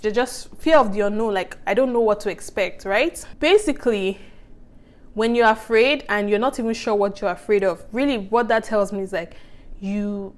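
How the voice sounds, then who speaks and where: A woman's voice: mid-range voice, moderate pace. A woman teaches an online childbirth course in a loose, conversational way. She sounds reassuring and keeps checking in with her listeners. Her talk is full of restarts and fillers. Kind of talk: casual online course lecture.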